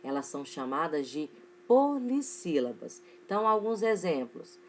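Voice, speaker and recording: A young woman from Brazil teaching a recorded online class for children, with a Brazilian Portuguese accent, stretching out words slowly as she dictates examples. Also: sits low, big pitch swings, a little mellow, slight background noise. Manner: slow, stretched-out word dictation in a rising voice.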